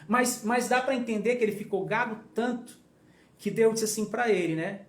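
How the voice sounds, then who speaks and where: A man's voice: sits high, normal speed. A man leading an informal Bible study, who stresses points by repeating them and talks straight to his listeners. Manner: emphatic, repeats key phrases, addresses listeners directly. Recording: roomy echo.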